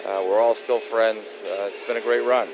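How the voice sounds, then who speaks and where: A man's voice: lowish voice, steady tone, normal speed. Older man in his sixties, muffled recording. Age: 60s. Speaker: former college hockey player, interview guest. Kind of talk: casual interview answers. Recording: dull lo-fi broadcast, faint noise.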